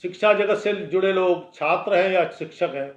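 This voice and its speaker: A man's voice: high voice, moderate pace. A man giving a daily horoscope as an astrologer, talking bluntly and warning listeners in a conversational, lecturing way. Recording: echoey room, dull lo-fi sound.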